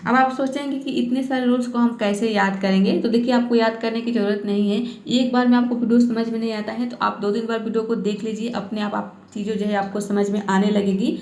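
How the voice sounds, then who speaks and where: A woman teacher giving a patient pronunciation lesson, repeating each word slowly and checking in often. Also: a little high, a little mellow, roomy sound. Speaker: English teacher. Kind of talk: Hindi-language pronunciation lesson.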